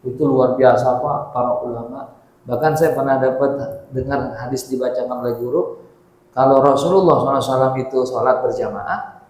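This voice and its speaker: Lively man preaching in an echoey hall. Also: medium pitch, a little fast. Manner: lively, joking, chants Arabic phrases. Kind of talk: mosque sermon. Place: mosque hall.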